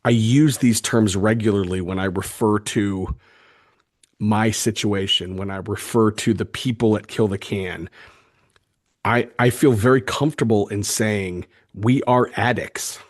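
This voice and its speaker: A man's voice: on the low side, fairly even intonation, unhurried. A man hosting a solo podcast, talking earnestly and emphatically, often stammering and restarting his sentences. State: fired up. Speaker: podcast host.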